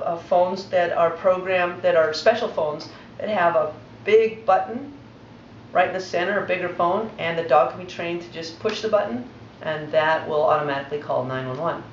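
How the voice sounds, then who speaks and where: A woman dog trainer with a lowish voice gives a patient, methodical demonstration lesson. The recording sounds roomy, distant, and dull, with a little hiss or hum.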